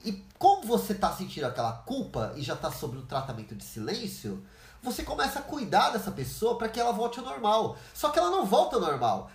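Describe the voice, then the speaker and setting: A Brazilian woman speaks earnestly in a podcast monologue, her pitch rising and falling with lively movement. She often slips into quick acted-out exchanges between people. The sound carries a noticeable echo of the room around her. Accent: Brazilian Portuguese. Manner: earnest, acts out dialogue in quick changing voices. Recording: echoey room.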